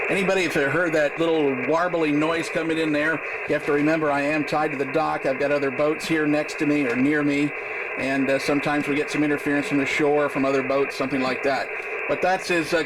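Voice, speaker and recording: A man's voice: a little high, heavy background noise. An American man instructing step by step in marine radio use, methodical and explanatory. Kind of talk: step-by-step demonstration with radio procedure. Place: aboard a docked sailing boat.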